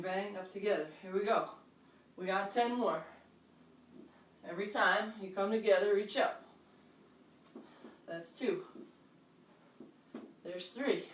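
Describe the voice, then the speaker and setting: An aerobics instructor leading a workout, counting out moves and cueing them in short, encouraging phrases. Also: medium pitch. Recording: echoey room, distant microphone.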